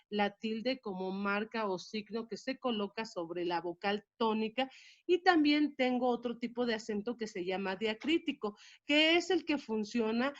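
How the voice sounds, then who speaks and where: A woman teacher walks through a grammar lesson in a measured, explanatory way, leaning on key words. Her voice sits fairly high. The recording sounds dull and lo-fi.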